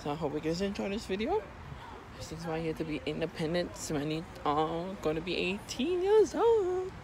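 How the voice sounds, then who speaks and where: A man's voice: a little high, very animated, moderate pace. A young man chatting casually to his phone held at arm's length, rambling and correcting himself as he walks outdoors and rides the bus. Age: young adult. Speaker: vlogger. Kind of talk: casual vlog. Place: outdoors on streets and on a city bus. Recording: loud street and bus noise.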